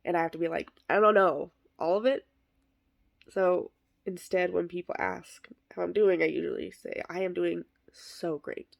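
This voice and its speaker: A woman plays a bitter, sardonic middle-aged male horse who is an actor, delivering a comic eulogy monologue. Her delivery is deadpan, wry, and self-deprecating, with a fairly low, creaky voice at a moderate pace.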